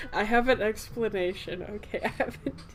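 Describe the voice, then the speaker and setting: A woman's voice: mid-range voice, normal speed. A young woman and artist chatting casually about her old drawings, rambling and giggling with lots of fillers and self-corrections. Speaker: artist and channel host. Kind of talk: casual chat reviewing old artwork. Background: faint background music.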